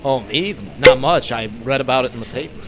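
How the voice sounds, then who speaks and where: An actor playing a young, grave masked vigilante who poses as a bartender, in a theatrical 1920s radio drama style. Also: male voice, mid-range voice, a little fast, lightly acted. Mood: affable, probing. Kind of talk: 1920s old-time radio drama acting. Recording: loud music under the voice.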